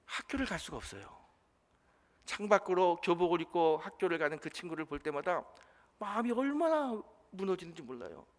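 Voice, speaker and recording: A middle-aged man preaching a sermon as senior pastor, telling a story emotionally, moving from hushed to loud. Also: sits high, sing-song, fairly quick. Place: church sanctuary. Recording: reverberant church hall.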